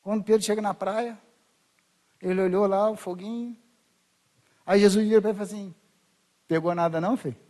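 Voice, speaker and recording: A man's voice: sits high, little pitch movement, a little fast, long pauses, warm tone. A man with a Brazilian Portuguese accent preaching a sermon in church, talking conversationally and acting out voices of biblical figures. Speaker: pastor.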